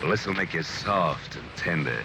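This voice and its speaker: A man's voice: deep voice, lively intonation, moderate pace, gravelly, heavy background noise, voice pushed down. A man voicing a menacing, taunting male thug in a radio-drama style, with a mocking, threatening drawl. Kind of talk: noir radio drama acting.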